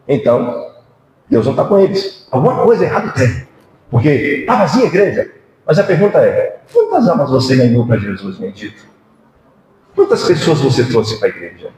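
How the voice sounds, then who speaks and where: A man's voice: mid-range voice, wildly swooping pitch, normal speed, darkish tone, slight background noise. A man with a Brazilian accent preaching a sermon as pastor, passionate and full of rhetorical questions, in a church. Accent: Brazilian Portuguese. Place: church hall. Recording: very echoey church hall.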